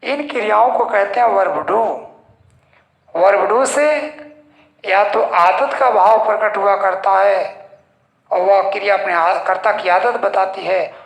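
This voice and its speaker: A male English teacher giving a slow, explanatory grammar lesson in Hindi, posing rhetorical questions and answering them himself. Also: sits high, fairly even intonation, creaky. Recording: echoey room.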